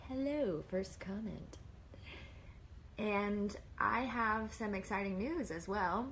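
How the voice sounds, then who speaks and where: A woman's voice: medium pitch, a little hiss or hum, low-quality recording. Chatty woman hosting a live stream. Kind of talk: casual live chat.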